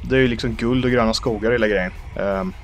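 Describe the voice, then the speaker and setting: A young Swedish man hosting a let's play, joking about himself and yelling in panic at enemies. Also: fairly low pitch, fairly even intonation. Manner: jumpy, self-mocking, shouts in panic at enemies. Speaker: gaming channel host.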